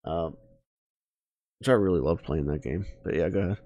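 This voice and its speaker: A man's voice: sits low, normal speed, dark tone, no echo, lo-fi sound. A man co-hosting a podcast, chatting casually with lots of fillers and restarts. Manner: rambling, many fillers and restarts. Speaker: podcast co-host. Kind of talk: casual chat.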